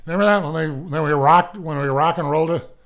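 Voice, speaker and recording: A man's voice: on the high side, quick pace, gravelly, a bit bright. A man hosting a radio show, reading the news casually and breaking off into rambling, joking asides. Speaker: radio host. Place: radio studio.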